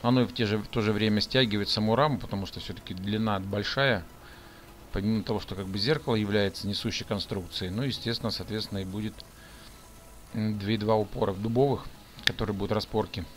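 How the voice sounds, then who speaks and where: A middle-aged man talks over his workshop footage in an easygoing, plain-spoken way, walking through each step with small fillers. His voice sits on the low side, and a faint background ambience runs under the voice-over. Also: steady tone, fast talker, a little hiss or hum. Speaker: woodworking channel host. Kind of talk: casual voice-over narration of a build.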